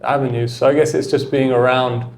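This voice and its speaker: A man's voice: mid-range voice, flat delivery, fairly quick, a little mellow, slight background noise. A man, a tennis coach, talking reflectively in a casual interview, with a loose flow of filler words. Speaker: tennis coach and mentor, guest.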